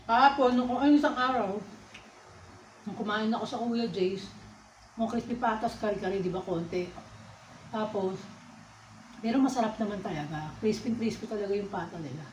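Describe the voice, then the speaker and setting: A woman's voice: mid-range voice, normal speed, long pauses, a little hiss or hum. A woman chatting casually to her viewers while she eats, often calling out to them. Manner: talks while eating. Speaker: food vlogger. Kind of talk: casual eating vlog chat. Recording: echoey, slightly dull recording.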